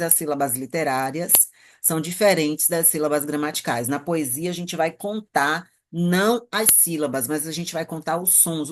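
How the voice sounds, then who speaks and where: A woman teacher with a Brazilian accent, explaining a lesson patiently and often checking that her students follow. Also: low voice. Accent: Brazilian Portuguese. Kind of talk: classroom lesson on poetry.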